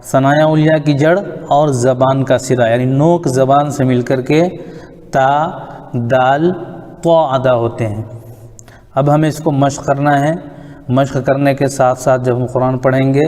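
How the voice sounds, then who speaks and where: A man teaching Quranic letter pronunciation, explaining calmly and repeating each letter slowly for practice. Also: mid-range voice, big-room sound. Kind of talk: tajweed lesson on letter articulation.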